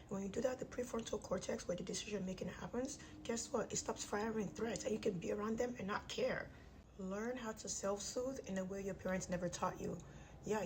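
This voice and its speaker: A woman in her thirties delivers motivational advice with a tight, clenched-jaw sound, as her jaw is wired shut. She is blunt and emphatic, repeating key phrases at a medium pitch. There is clear background noise in the recording. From Nigerian immigrant household. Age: 30s. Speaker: vlogger giving self-help advice. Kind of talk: direct-to-audience motivational advice talk.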